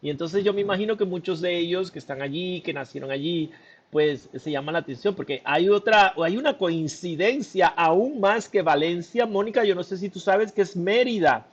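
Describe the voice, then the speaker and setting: A man's voice: high voice, normal speed, muffled recording. A man hosting an interview in a casual, effusive way, talking expressively and laughing often. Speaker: interview host. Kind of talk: casual video-call interview.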